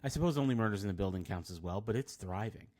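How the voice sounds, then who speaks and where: A man's voice: fairly low pitch, animated, fast talker, darkish tone. A man reading a scripted film review, with wry, dry asides.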